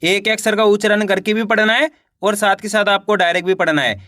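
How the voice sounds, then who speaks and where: A man's voice: sits high, steady tone, quick pace, sharp tone, no echo, clean studio sound. A male teacher running a reading lesson, sounding out syllables one at a time, then saying each whole word and asking listeners to repeat after him.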